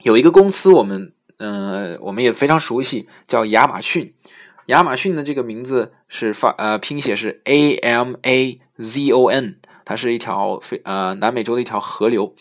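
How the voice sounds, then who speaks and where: A man hosting a casual spoken English lesson. He talks in a relaxed way with many fillers and slows down to spell out English words. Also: mid-range voice. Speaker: podcast host teaching English words.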